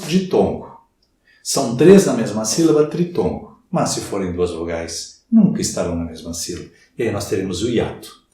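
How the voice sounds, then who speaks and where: A man's voice: on the low side, warm tone. A man with a Brazilian Portuguese accent teaching a recorded class, stretching key words for emphasis and asking and answering his own questions. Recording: very echoey room, voice from far off.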